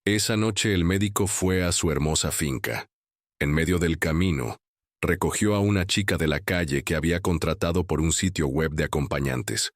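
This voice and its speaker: A man with an extremely deep, low voice delivers scripted horror stories in a grave, measured manner. The recording is dry and close, with no audible room and no echo.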